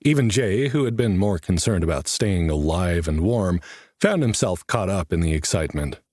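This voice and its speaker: A man narrates an audiobook in a low, slightly husky voice. His reading is dry and wry. The studio sound is close with no room echo. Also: lively intonation, moderate pace, darkish tone.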